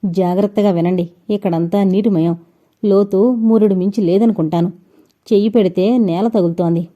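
A woman voicing a confident young man who leads his friends through a cave, giving calm, commanding instructions. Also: mid-range voice, moderate pace, lo-fi sound, natural voice.

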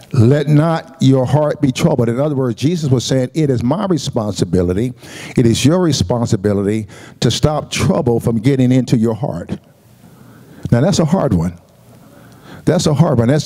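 A man's voice: medium pitch, dark tone. A man preaching a Sunday sermon as pastor, calling out to the congregation and repeating words as he builds his points. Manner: preaching with call-and-response asides; repeats words and restarts often.

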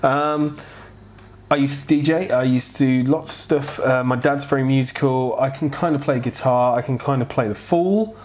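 A man's voice: medium pitch, moderate pace, darkish tone, a little hiss or hum. A man in his thirties with a wheezy voice, out of breath and unwell, chatting informally and frankly as he answers questions at home on a lapel mic. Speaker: vlogger answering viewer questions. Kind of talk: casual chat, answering questions. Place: home kitchen, indoors. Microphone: clip-on lapel mic.

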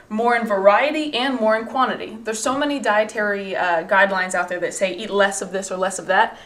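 Woman, nutrition presenter, brisk pace, clear instructional tone, supermarket aisle. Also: medium pitch, a bit bright. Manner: clear, explanatory.

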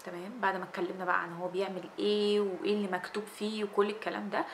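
A young Egyptian woman talks quickly and chattily about a skincare serum, her hands moving as she speaks. Her voice sits at an ordinary middle pitch. A faint hum of room ambience sits under her webcam recording in a small indoor space. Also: gravelly. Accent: Egyptian Arabic. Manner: chatty, animated, gestures with her hands while talking. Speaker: beauty vlogger. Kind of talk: casual product review.

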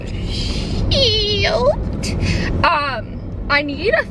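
A woman's voice: very high-pitched, big pitch swings, drawn-out words, heavy background noise. A young woman in her twenties chatting casually on her first vlog from her car, nervous and rambling. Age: 20s. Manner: nervous, giggly, rambling with many likes. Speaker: vlogger. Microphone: camera held in hand.

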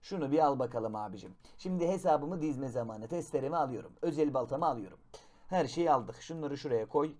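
A young man giving excited gameplay commentary, shouting in bursts, then dropping to low mutters, and making gun noises with his mouth. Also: a little fast. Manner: excitable, shouts and swings between loud outbursts and low mutters; makes gun sound effects with his mouth. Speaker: gaming YouTuber.

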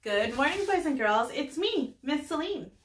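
A young woman who teaches preschool speaks in a high, very animated voice, giving small children a slow lesson in deliberate short phrases broken by pauses. It's a filmed read-aloud greeting in a small classroom-style room with a bulletin board. The camera sits a few steps away, so the distant microphone picks up a roomy echo.

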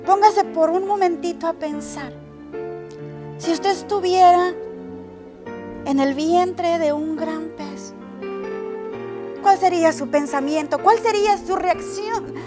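High-voiced woman preaching slowly. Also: music in the background. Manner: impassioned, pleading. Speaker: pastor. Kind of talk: sermon.

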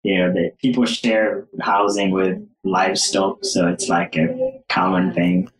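A man's voice: low-pitched, little pitch movement, measured pace, over music. A young man from Uganda, a podcast guest, answering in a casual, hesitant way with many fillers and restarts. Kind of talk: casual interview. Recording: roomy echo.

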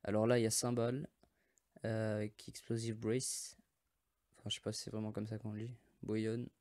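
A man's voice: on the low side, completely flat delivery, moderate pace, a little mellow. A French man casually presenting mobile game characters, rambling with many hesitations and often forgetting names. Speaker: mobile game video host.

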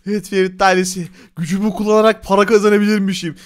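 A man with a Turkish accent narrating a Minecraft role-play video, playful and excitable, talking to his viewers. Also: sits high, very fast. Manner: playful, excitable, talks to the audience. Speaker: gaming YouTuber.

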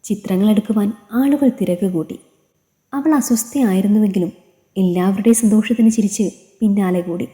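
A woman's voice: medium pitch, moderate pace, dark tone. Woman narrating a story in an echoey room. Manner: emotional, voices the characters' dialogue. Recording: echoey room with long reverb.

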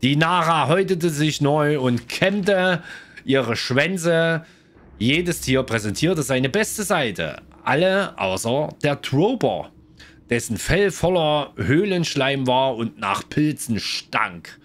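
Lively male let's-play streamer, a bit higher than average, reads lore aloud between chatty asides. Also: slow pace. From Germany. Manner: chatty, lively, addresses viewers. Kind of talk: casual game commentary and reading aloud.

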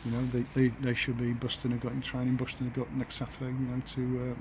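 Middle-aged English man, football manager, flat monotone, halting speech, outdoor noise, close camera mic. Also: medium pitch. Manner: halting, many fillers and restarts, monotone. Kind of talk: post-match interview. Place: outdoors beside a football pitch. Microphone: handheld camera at close range.

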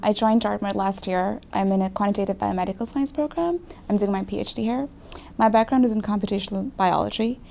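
Young woman from Pakistan, gravelly. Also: medium pitch, brisk, darkish tone, slight background noise. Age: young adult. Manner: thoughtful, self-correcting, candid. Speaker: graduate student. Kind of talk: casual interview. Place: small office with windows.

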